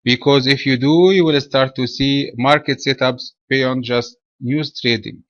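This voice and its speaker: A man from Egypt presenting a trading webinar in a measured, explanatory way. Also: mid-range voice, steady tone, a bit bright, muffled recording.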